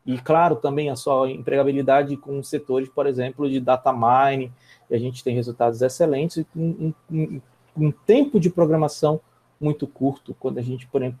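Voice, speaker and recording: This is a mellow, mid-range male voice from a Brazilian programming teacher running a class online. He works through the code step by step and keeps checking on his students. While typing he tends to repeat words and start them over.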